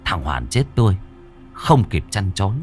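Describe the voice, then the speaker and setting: A man's voice: low voice, big pitch swings, normal speed, darkish tone, faint music behind. A man narrating a horror story in a vivid, theatrical, gory way.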